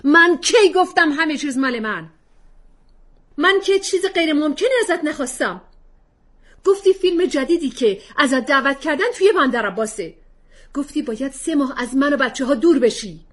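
A woman reading a story aloud, voicing an angry middle-aged father who shouts at his wife at dinner. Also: high voice, lively intonation, pitched above the performer's own voice.

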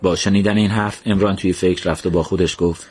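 A man narrates a story in a calm, gentle, measured voice. His pitch sits somewhat low, steady under the scenes he tells. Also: husky.

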